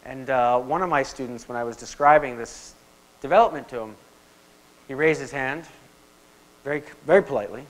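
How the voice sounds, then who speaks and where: A man giving a conference talk on investing, animated and storytelling, asking the audience questions. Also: medium pitch, moderate pace, long pauses, low-quality recording. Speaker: guest speaker on investing.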